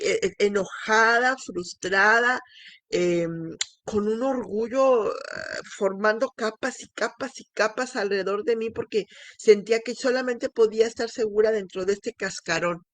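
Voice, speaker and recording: A woman's voice: fairly high pitch, no room sound. A middle-aged woman, telling a candid, emotional personal testimony, with restarts and laughs. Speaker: speaker sharing her testimony.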